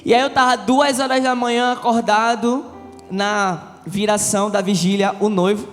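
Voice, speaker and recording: A young man with a Brazilian accent gives a lively, humorous testimony in front of a congregation, acting out conversations as he goes. His voice sits high, and it rings through a large reverberant church hall with soft worship music underneath. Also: normal speed. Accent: Brazilian Portuguese. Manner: animated, humorous storytelling that acts out dialogue. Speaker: church member giving testimony.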